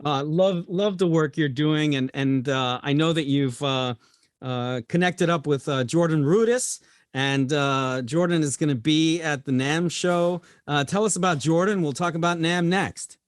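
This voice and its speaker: A man hosts a business podcast with an upbeat, promo-style delivery. His voice sits high for a man. The sound is dry and close, with little room around it. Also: measured pace, clear, resonant tone, dry recording. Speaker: podcast host. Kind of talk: podcast interview.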